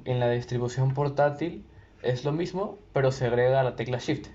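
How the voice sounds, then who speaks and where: A man giving a calm, step-by-step tutorial on changing screen-reader voice settings. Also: medium pitch, moderate pace. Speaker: tutorial presenter. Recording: lo-fi with faint noise.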